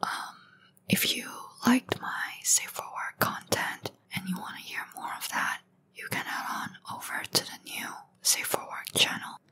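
A woman, a channel creator, giving a casual, soft-spoken announcement to listeners. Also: measured pace, whispered.

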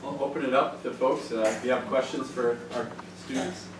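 A man's voice: mid-range voice, steady tone. Middle-aged man moderating in an echoey hall. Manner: loose, halting questions with restarts. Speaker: panel moderator. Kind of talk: moderating a student panel. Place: large school hall with windows. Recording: echoey hall, distant mic, background noise.

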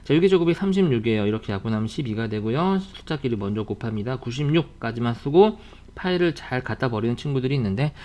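In a recorded online lesson, a male math teacher with a mid-pitched, darkish voice moves briskly through each problem. He keeps repeating the same reminders and occasionally drifts into friendly, lecturing asides.

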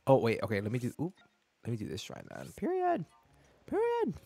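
A young man chatting casually while streaming a game, animated and full of slang. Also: lowish voice, fast, vocal fry, slightly rough. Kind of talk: casual gaming stream chat.

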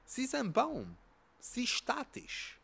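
A man, a rabbi, giving an emphatic motivational talk that swings between soft and loud. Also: very high-pitched, wildly swooping pitch, takes it slowly, vocal fry, breathy edge. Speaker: rabbi and therapist.

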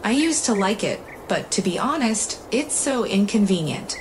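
A woman voicing a frail, lonely old grandmother who speaks softly and weakly, with faint noise in the recording. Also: mid-range voice, very animated, normal speed, lightly acted. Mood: weary. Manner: soft, weak-voiced.

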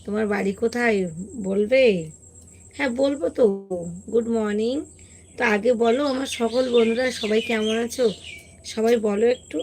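A woman, hoarse today, hosting a casual live stream and greeting viewers one by one. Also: on the high side, steady tone, fairly quick.

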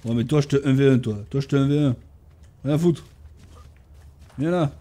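A man giving casual gameplay commentary, talking to his tamed animals and bursting into excited shouts during fights. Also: medium pitch, normal speed. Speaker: gaming YouTuber.

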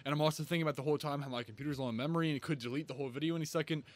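A man giving excitable let's-play commentary, swearing freely and breaking into loud yelps. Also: a little high, rapid-fire. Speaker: gaming video creator.

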